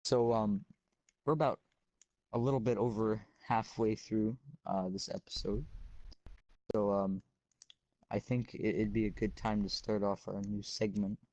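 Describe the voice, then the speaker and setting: Goofy young man, low voice, dry mic. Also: fairly even intonation, measured pace, long pauses, a little mellow, dry recording, dull audio. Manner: goofy, rambling, fillers. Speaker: podcast co-host. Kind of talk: casual chat.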